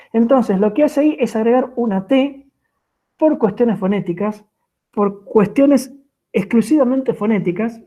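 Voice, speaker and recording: A woman's voice: on the high side, warm tone. A woman with an Argentine Spanish accent teaching French grammar in an online class, patient and checking in with her students often. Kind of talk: online lecture explaining grammar. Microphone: video call. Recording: tinny phone-like video call audio.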